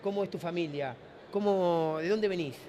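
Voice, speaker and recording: A man hosts a relaxed chat, his voice slightly high for a man. He talks in a loose, rambling way, restarting his phrases often. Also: moderate pace. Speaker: host. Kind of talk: casual interview chat. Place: trade fair floor.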